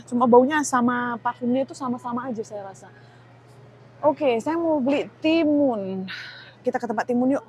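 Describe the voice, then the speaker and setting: A woman's voice: fairly high pitch, mellow, slight background noise, low-quality recording. Chatty woman vlogging in a supermarket. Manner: chatty, thinking aloud while shopping, exclaiming at prices. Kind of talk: casual shopping vlog narration. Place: supermarket, indoors.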